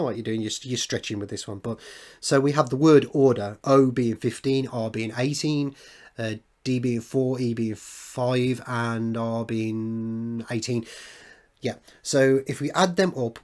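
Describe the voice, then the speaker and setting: A middle-aged man hosting a video essay, thinking aloud in an unscripted monologue with frequent restarts and fillers. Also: mid-range voice.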